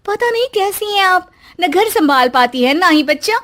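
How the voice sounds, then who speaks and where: A woman voicing a sharp-tongued young daughter-in-law in a cartoon story, scolding and impatient. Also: extremely high pitch, animated, normal speed, full character voice.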